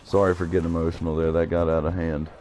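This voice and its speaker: A man's voice: low-pitched, little pitch movement, fast, noisy background. A man in his thirties talking on a live game stream, blunt, profane and emotional as he vents.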